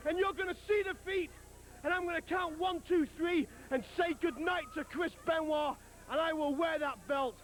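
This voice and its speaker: A very high-voiced man taunts his rival in a wrestling promo. He is boastful and threatening and piles on threats. This is the sound of a 1989 TV broadcast. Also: fairly bright tone. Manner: boastful, threatening, growls low at the end.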